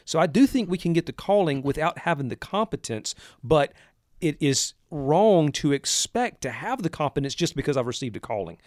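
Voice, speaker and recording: An earnest man in ministry tells his own story in a relaxed conversation. His voice sits a little high and turns lively in the retellings. The sound is dry and close to the mic. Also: normal speed, no echo. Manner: earnest storytelling, animated when recalling. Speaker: podcast co-host, minister. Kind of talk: reflective casual conversation.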